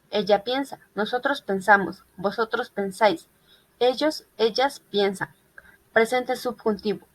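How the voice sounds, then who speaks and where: This woman, a student presenter with a rather high voice, methodically lists irregular verb forms while reading her group's class presentation. The recording quality is rough.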